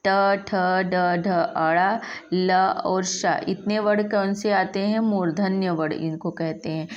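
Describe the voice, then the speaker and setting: A woman teaching a Sanskrit lesson in speech, slowly spelling out sounds one by one and repeating them. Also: mid-range voice, fairly even intonation, dull audio. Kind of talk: classroom lesson.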